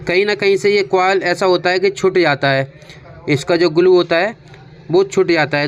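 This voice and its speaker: With a fairly high pitch and a muffled sound, an Indian-accented man walks through a repair job step by step as a technician. He talks conversationally, often repeats his instructions, and the background is clearly noisy.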